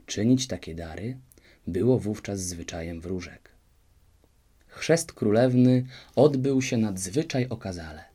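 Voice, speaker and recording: A man narrates a fairy-tale audiobook with a lowish voice. His telling is lively and expressive, shaping each turn of the story. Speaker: audiobook reader.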